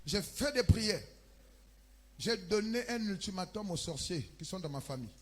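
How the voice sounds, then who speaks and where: A man with a Congolese French accent preaching a sermon as pastor, with loud emphatic bursts and chanted lines. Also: high voice, expressive, normal speed. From Republic of the Congo. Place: church.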